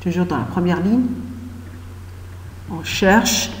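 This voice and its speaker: A woman's voice: lowish voice, slight background noise. A woman teacher leading a reading lesson for young children, sounding out syllables one by one and praising often. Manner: slow, syllable-by-syllable, frequent praise. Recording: echoey room with long reverb.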